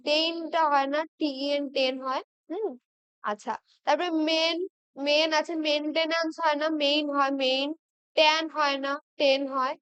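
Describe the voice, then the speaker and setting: A woman's voice: very high-pitched, fairly bright tone, dry recording. A woman teaching English exam practice questions, checking in with tag questions and spelling words out letter by letter.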